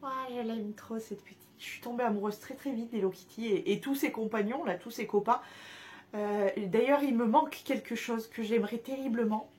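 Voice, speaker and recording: A young woman talks her way through a casual haul video, gushing over each cute find and tripping over fillers as she goes. Her voice sits a little on the high side. A faint hum of room ambience runs underneath. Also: normal speed, a little mellow. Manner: gushing, chatty, many fillers and restarts. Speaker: haul vlogger.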